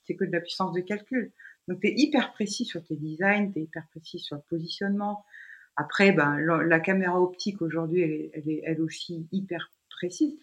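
A woman's voice: fairly low pitch, fairly quick. A middle-aged woman, a dentist, explaining technical points emphatically in a podcast conversation.

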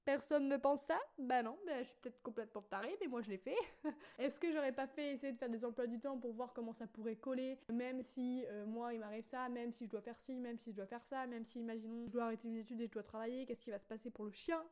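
A woman's voice: a little high, fairly even intonation, fast talker, darkish tone. A young woman hosting a casual podcast, chatty and self-mocking, with sarcastic asides. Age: young adult. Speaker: podcast host. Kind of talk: casual spontaneous podcast chat.

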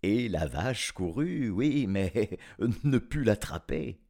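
A man telling a children's storybook tale with a playful, lively manner. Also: lowish voice, slow, creaky. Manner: lively, playful, laughing asides. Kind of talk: storybook reading.

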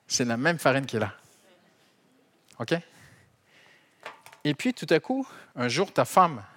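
A middle-aged man from Canada with a Canadian French accent, preaching a sermon to his congregation in an animated, conversational and humorous way. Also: mid-range voice. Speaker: pastor. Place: church hall.

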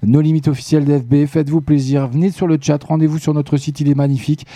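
Guy hosting a radio show, bit hoarse, joking around, dry studio sound. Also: on the high side, little pitch movement, fast talker, mellow, no room sound. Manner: chatty, joking with listeners in the chat. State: voice going hoarse from talking. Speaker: radio host. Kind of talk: casual live radio hosting.

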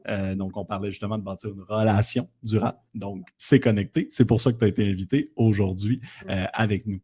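A man's voice: fairly low pitch, steady tone, brisk, warm tone, husky. A man hosting a webinar interview, speaking with many fillers and restarts over a video call. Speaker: webinar host and company president. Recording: slightly dull lo-fi audio.

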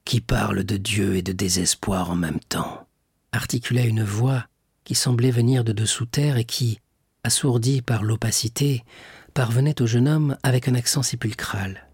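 A man reading a classic novel aloud in measured, dramatic narration. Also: medium pitch, a little mellow, husky, no echo, studio quality. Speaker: audiobook narrator.

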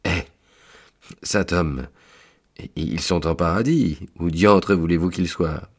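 A man voicing a tall, dark-winged male angel of purgatory with a raspy, mournful voice, often pitched higher than his own. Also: slow, heavily acted. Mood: exasperated. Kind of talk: storytelling read-aloud.

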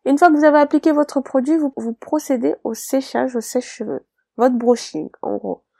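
Gravelly-voiced woman giving hair advice. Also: high-pitched, moderate pace, warm tone, dry recording. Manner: direct, pleading, with emphatic repeats. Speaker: hairdresser and podcast host. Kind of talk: solo podcast advice monologue.

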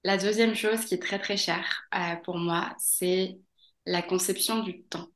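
A woman's voice: fairly low pitch, fairly even intonation, a little slow, a bit bright, roomy sound. A woman from Mexico, a podcast guest talking casually, hesitating with many fillers and laughing often. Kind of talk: casual interview.

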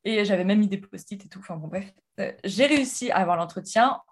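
A woman in her thirties from France tells her story as a guest on an interview. Her talk is animated, broken by fillers and restarts. Her voice sits at a middling pitch. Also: quick pace. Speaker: guest entrepreneur.

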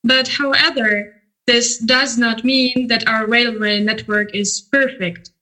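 A woman from Germany co-hosting a podcast, asking interview questions in a halting way with fillers. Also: fairly high pitch, steady tone, pushed and bright, rough recording. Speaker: podcast co-host.

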